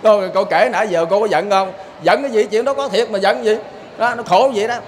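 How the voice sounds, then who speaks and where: Fairly quick and high-voiced, a Southern Vietnamese-accented lay preacher tells stories in a folksy sermon, with a slight hiss or hum in the recording. He often turns to the audience, asking "see?"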